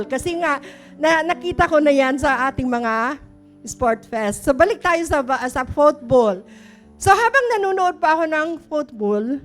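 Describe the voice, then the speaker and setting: A high-pitched middle-aged woman, preaching in a conversational, storytelling way and tossing questions to her congregation. Soft music plays faintly behind her. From Philippines. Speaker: pastor. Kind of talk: sermon.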